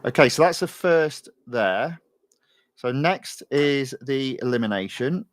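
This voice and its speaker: Relaxed man commentating a racing stream. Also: mid-range voice, slow, no echo. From England. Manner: relaxed, chatty, many ums and uhs, reads chat aloud. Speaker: gaming streamer. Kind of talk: casual live-stream commentary while racing.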